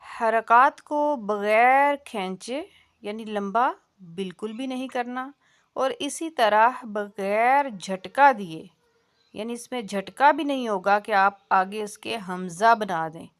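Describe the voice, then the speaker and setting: Patient woman teaching tajweed. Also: fairly high pitch. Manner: patient, repeats sounds slowly and checks understanding. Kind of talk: recitation lesson, drilling syllables.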